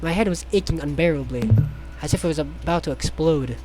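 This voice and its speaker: This medium-pitched speaker talks fairly quickly, reading a visual novel aloud to the group for laughs. They swear, trip over words, and toss in joking asides, all over loud music.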